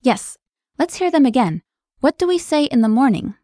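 A woman co-hosting a scripted language lesson podcast, explaining clearly and brightly. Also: sits high, very animated, moderate pace, no echo, clean studio sound.

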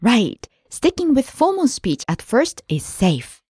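Woman co-host, lively pitch, careful teaching delivery, dry close mic. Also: slow pace, slightly rough, no echo. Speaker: language lesson co-host and native-speaker model. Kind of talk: scripted podcast lesson.

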